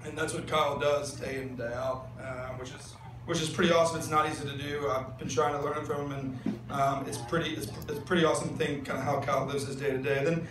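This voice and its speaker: A young best man talks fast in a slightly high voice with flat delivery, holding a handheld mic for his wedding toast. He rambles and jokes, using plenty of fillers. The big wedding tent sounds echoey and noisy, and guests can be heard laughing.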